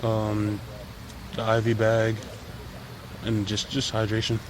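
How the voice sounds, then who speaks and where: A young man in his twenties, a college football player answering media questions in a halting, soft-spoken way with many fillers. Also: fairly low pitch, monotone, noisy background. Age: 20s. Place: press availability.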